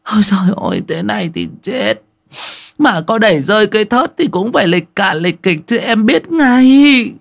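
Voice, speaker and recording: A man voicing a loud, self-pitying old village woman who screeches curses and wails. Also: high-pitched, big pitch swings, normal speed, vocal fry, pitched above the performer's own voice, heavily acted. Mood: wailing lament. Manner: screeching, cursing and wailing.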